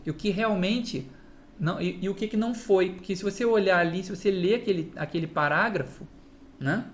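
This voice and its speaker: A man with a Brazilian Portuguese accent giving a direct-to-camera guitar lesson, often checking in with the listener through quick rhetorical questions. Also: high voice, slight background noise. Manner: explains with repeated "entende?" and quick rhetorical asides. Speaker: guitar teacher.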